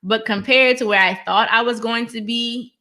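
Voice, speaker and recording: A woman in her thirties, a guest author on a podcast, telling stories in a lively way and laughing often. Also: a little high, moderate pace. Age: 30s. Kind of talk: casual interview chat.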